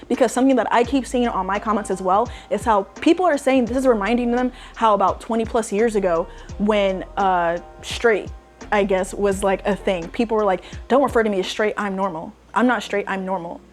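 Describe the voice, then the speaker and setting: Faint music runs under this fairly quick, darkish, medium-pitched voice of a young woman commenting online. She sounds exasperated and emphatic, her rant peppered with "like."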